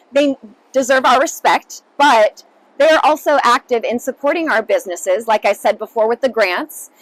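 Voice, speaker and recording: In a sit-down news interview, a high-pitched woman in her late twenties who is running for council answers questions. She sounds upbeat and earnest, using plenty of fillers, and the recording quality is low.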